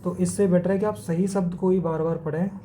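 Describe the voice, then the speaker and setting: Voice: mid-range voice, fairly even intonation, fairly quick, dark tone, slight background noise. A teacher giving an exam-prep spelling lesson, methodically contrasting wrong and right word forms and mixing in English words. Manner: mixes English words into Hindi explanation.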